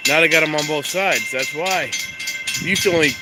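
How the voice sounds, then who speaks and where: Loud music plays behind this man's brisk, higher-pitched voice as he live-streams at a railroad crossing, a train-spotting vlogger with a stuffed-up nose. He's chatty, easygoing, and rambling. His handheld camera mic also catches wind noise, plus loud traffic and outdoor noise.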